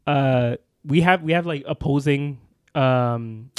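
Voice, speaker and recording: A young man with a slight lisp co-hosting a podcast, talking loud, fast and full of energy in casual chat. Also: medium pitch, smooth, dry recording, clean studio sound. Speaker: podcast co-host.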